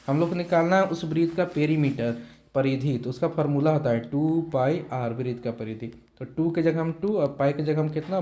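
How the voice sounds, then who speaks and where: A man's voice: a little high, dark tone. Man teaching math step by step. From India. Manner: explains step by step with repeated check-ins. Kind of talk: exam-prep math lesson.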